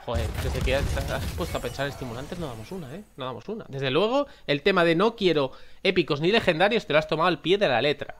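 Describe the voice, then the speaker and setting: A man with a Spain accent giving playful, casual commentary as he opens game loot chests, coaxing the viewer to concentrate and bursting out excitedly. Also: fairly high pitch, fast talker, hardly any pauses. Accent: Spanish from Spain. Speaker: gaming content creator.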